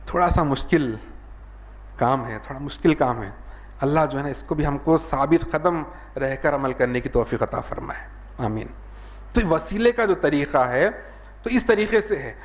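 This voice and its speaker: Male preacher, Hyderabadi Urdu accent, slightly high voice, earnest sermon delivery with a recurring filler phrase. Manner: earnest, repeats "jo hai na" as a filler, raises his voice when acting out dialogue.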